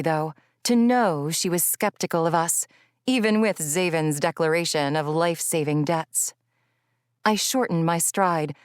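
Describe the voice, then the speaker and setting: A woman reading a young adult fantasy audiobook in first person, measured and reflective. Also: on the low side, no echo, studio quality. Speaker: audiobook narrator.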